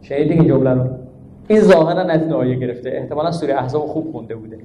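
A man's voice: medium pitch, mellow, slight background noise. A man giving a sermon, asking his listeners rhetorical questions, stressing his points, and reciting Arabic verses. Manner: rhetorical questions, emphatic teaching tone. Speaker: preacher. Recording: dull, echoey hall recording.

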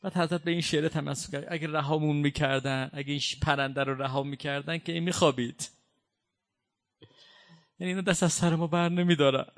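A preacher delivers a mourning sermon in a fairly high, steady voice. He draws out quoted lines slowly, then explains them plainly, his delivery fervent and impassioned.

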